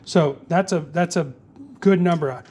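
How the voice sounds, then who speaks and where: A man's voice: fairly high pitch, unhurried, a little mellow, husky. A man in his forties in a workshop, casually walking through a build step by step with plenty of "uh"s. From Northeast Florida. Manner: plain, easygoing, narrating each step with many "uh"s. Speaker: fishing tackle maker. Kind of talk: casual how-to workshop demonstration.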